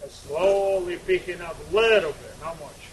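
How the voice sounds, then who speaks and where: A man's voice: high voice, lively intonation, a little slow, a little hiss or hum. A restaurant owner giving short, plain, subdued answers as he talks through the window to the kitchen, heard from a distance. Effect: talking through a kitchen window, heard from a distance. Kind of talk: brief news interview remarks. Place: small grill restaurant, indoors. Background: faint sizzling grill.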